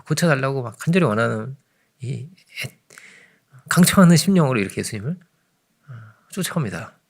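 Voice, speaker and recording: In a creaky, medium-pitched voice, a pastor delivers an early morning sermon in a chatty style. He regularly checks in with his congregation, alternating between booming emphasis and hushed asides.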